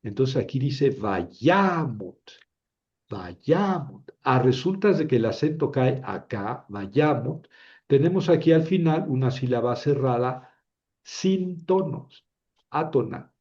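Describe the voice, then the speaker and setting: A man's voice: medium pitch, lively intonation, unhurried, dark tone, highs cut off. A man teaching Biblical Hebrew, patiently sounding out syllables and often checking with "¿verdad?". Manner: patient, repeats syllables aloud, asks "¿verdad?". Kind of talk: slow classroom explanation.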